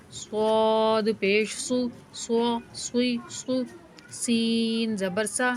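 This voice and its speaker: Woman teaching recitation, slow syllable drills. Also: fairly high pitch, a little hiss or hum. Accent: Pakistani Urdu. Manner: chants syllables slowly, then explains quickly. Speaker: Quran reading teacher. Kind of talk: recitation lesson.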